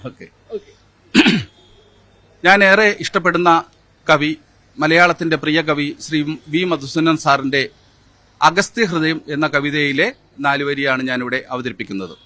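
A man in his fifties speaks slowly and hesitantly, filling his pauses with small sounds. His voice sits high and sounds bright. The recording is dry and close. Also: dry recording. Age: 50s. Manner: hesitant, many fillers, measured. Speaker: former mimicry champion, interviewee. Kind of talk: interview answers with poem recitation.

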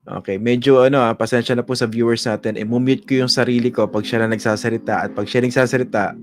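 A man's voice: mid-range voice, steady tone, fast. A man hosting a live news interview, polite and respectful, with frequent "uh" fillers. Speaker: host.

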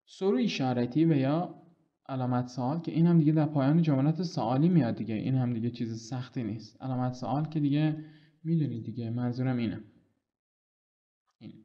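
A man teaching an online language lesson, explaining patiently and reading example sentences slowly and clearly. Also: mid-range voice, highs cut off.

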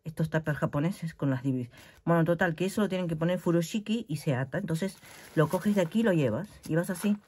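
Vlogger note: a lively woman with a Spanish accent and a slightly low voice, chatting over a laptop mic in her craft room. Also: quick pace, slightly rough, no echo. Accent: Spain. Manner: chatty and animated, often laughing. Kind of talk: casual chat unboxing a gift.

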